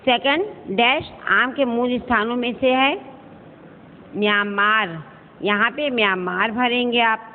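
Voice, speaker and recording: A patient woman teacher walks her students through a worksheet step by step and keeps asking whether they follow along. Her voice sits a little high. The recording sounds tinny like a phone line, with a long echo and a faint hiss behind it. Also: slow pace. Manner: patient, explains step by step, addresses students as beta and checks if they understand. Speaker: school Hindi teacher. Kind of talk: recorded online lesson going through a worksheet.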